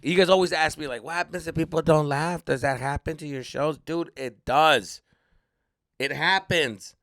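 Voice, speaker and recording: Telling stories solo on his podcast, a Mexican-American comedian keeps it casual, slangy, and profane, mixing in Spanish and vividly performing people's reactions. His pitch is medium, and the studio-quality audio carries no room sound.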